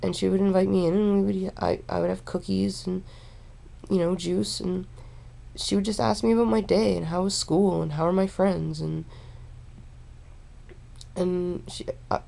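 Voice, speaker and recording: Young woman vlogger, low gravelly voice, dark and mellow, meandering stoned monologue. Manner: meandering, halting, with frequent fillers and restarts; relaxed, stoned drawl. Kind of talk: rambling casual monologue to camera.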